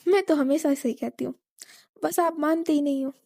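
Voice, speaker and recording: A woman's voice: high-pitched, fairly even intonation, normal speed, gravelly, a little mellow, no echo, studio quality. Woman voicing a cheeky, teasing younger sister.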